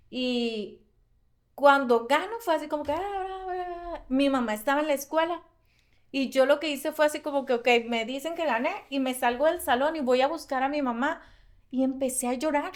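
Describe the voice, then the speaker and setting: A woman with a Mexican Spanish accent and a high voice talks through a casual podcast conversation. She tells her stories animatedly, rushing through some stretches and slowing on others. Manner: animated storytelling, fast bursts, frequent laughs. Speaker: podcast co-host.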